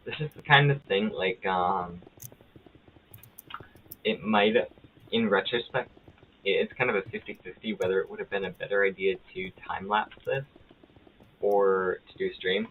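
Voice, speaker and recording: A man streaming a video game live, chatting casually with a friend, rambling and correcting himself mid-sentence, and getting excited at small finds. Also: on the low side, normal speed, pauses often. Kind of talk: casual chat while gaming live. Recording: tinny phone-like audio with faint hiss.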